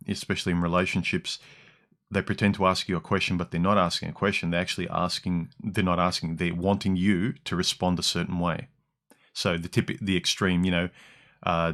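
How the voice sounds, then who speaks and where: Chatting casually on his livestream and reading comments aloud, this Australian host speaks into a dynamic broadcast mic. His deep voice has a fairly bright tone and carries some harshness through the lows and mids, while his talk wanders, full of ums and false starts.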